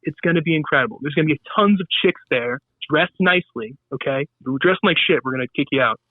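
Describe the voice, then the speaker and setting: A man's voice: on the high side, lively intonation, fast talker, no room sound. Man on a tinny phone line. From Southern California. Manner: loose, rambling, crude humor with many fillers. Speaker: guest. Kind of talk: casual radio interview.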